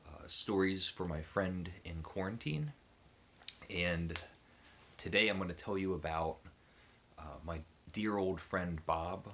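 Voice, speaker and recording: A man's voice: low voice, a bit bright, slight background noise. A man hosting his book channel, casually telling a personal story to the camera with many ums and restarts. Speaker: booktube channel host.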